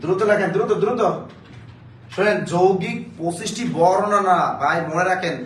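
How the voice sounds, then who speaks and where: A man teaching a live online Bangla grammar class, urging viewers to answer quickly and drilling facts through repeated questions. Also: high voice. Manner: urgent, coaxing viewers to answer fast. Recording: roomy, distant mic, faint background noise.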